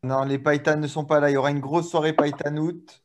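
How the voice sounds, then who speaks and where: A man's voice: on the high side, level tone, a little fast. A young man hosting a casual online show, teasing a friend and egging him on to tell jokes.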